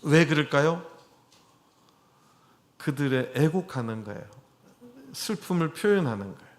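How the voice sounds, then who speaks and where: A man's voice: fairly high pitch, lively intonation, unhurried. Conversational male pastor preaching. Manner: conversational, asks the congregation questions. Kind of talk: sermon. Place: church hall.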